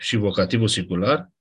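A male teacher lectures on grammar in a patient, step-by-step way. His voice sits low and has a husky edge. He often pauses to check that the class follows and clears his throat now and then. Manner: patient explaining, frequent checks like "da?".

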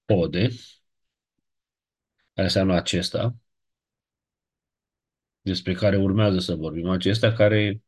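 A man with a very low, husky voice teaches a grammar lesson. He works patiently through word forms one by one and keeps checking in with short questions. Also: a little mellow. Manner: patient, explains step by step, recites word forms. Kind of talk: ancient Greek grammar lesson.

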